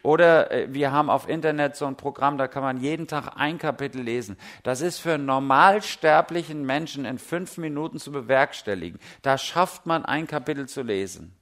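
Chatty middle-aged German preacher. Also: male voice, medium pitch, fairly quick, hardly any pauses. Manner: lively, chatty preaching with everyday anecdotes. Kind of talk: sermon.

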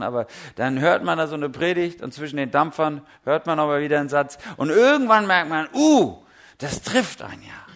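A middle-aged man preaching a sermon in a lively, conversational way, full of everyday stories and direct questions to the listeners. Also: on the high side.

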